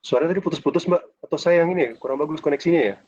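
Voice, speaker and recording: Lecturer on a choppy video call. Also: male voice, fairly high pitch, rapid-fire, darkish tone, no echo. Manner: chatty, ends phrases with a questioning "ya". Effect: dull, choppy video-call connection. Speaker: university lecturer. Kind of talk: casual online class lecture.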